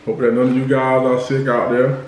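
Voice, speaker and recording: A man's voice: medium pitch, little pitch movement, normal speed, darkish tone. Chewing young man in an echoey room. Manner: easygoing, loose, filler-heavy talk. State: talking while chewing. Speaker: vlogger. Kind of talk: casual mukbang chat to viewers. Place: home room, indoors. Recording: very echoey room, faint background noise.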